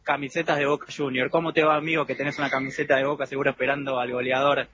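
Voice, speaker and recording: A man with an Argentine Rioplatense accent doing a live radio field report and street interviews, pausing often with "eh". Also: mid-range voice, little pitch movement. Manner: hesitant with frequent "eh" fillers. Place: outdoor fan zone with people around. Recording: dull lo-fi radio with loud background noise.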